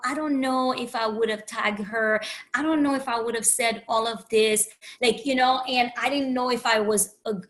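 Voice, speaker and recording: With a sharp tone and a fairly high pitch, this podcast host and coach from Haiti reflects openly on her own. She rambles, often starts her sentences over, and says "you know" a lot.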